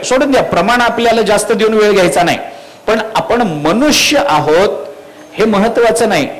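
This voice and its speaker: A man's voice: high-pitched, low-quality recording. A man from Marathwada with a Marathwada Marathi accent, preaching a devotional kirtan, quoting Sanskrit verses and firing rhetorical questions at the crowd. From Marathwada, India.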